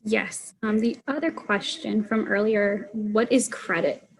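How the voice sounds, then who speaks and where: A woman's voice: mid-range voice, measured pace, creaky, slight background noise, poor audio. A woman moderator passes audience questions to the presenter. She keeps it brief and matter-of-fact, and her voice comes over video call audio. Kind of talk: online workshop moderation.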